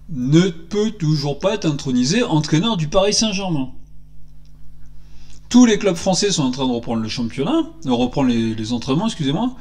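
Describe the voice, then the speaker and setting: A man in his forties delivers an animated, indignant solo rant and keeps firing rhetorical questions. His voice sits a little high for a man. He speaks into a desk microphone in a small indoor room. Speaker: football commentator vlogger. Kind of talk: solo opinion vlog. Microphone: desk microphone on stand.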